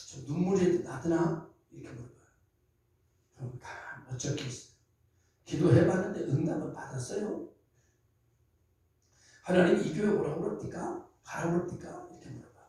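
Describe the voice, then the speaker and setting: A man's voice: fairly high pitch, vocal fry, dark tone. Pastor guy preaching, talks like a chat, plays out little back-and-forths, sounds far off in a huge echoey church. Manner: conversational preaching, acts out dialogues, rhetorical questions. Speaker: senior pastor. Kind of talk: sermon training church officers. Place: church sanctuary.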